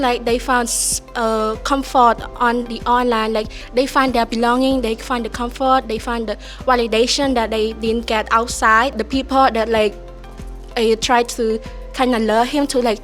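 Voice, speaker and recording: A woman's voice: a little high, fairly bright tone. A young woman from Cambodia, a youth advocate speaking casually, with frequent fillers. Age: young adult.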